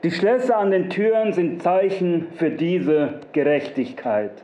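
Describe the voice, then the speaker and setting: A man's voice: high-pitched, measured pace, mellow. A man doing a smug wrinkled little gnome. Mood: coaxing. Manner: coaxing, long-winded, repetitive. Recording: roomy, dull lo-fi recording.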